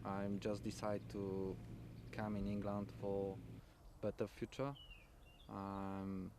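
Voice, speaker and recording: A man from Poland with a Polish accent, a seasonal farm worker speaking haltingly in an interview, searching for words. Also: fairly low pitch, flat delivery. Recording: noisy outdoor background.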